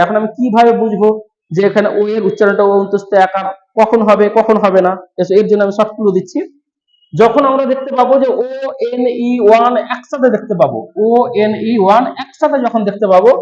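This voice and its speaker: High-voiced man teaching grammar patiently. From West Bengal, India. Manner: slow, repetitive step-by-step explaining. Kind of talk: explaining grammar rules to students. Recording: echoey, dull room sound.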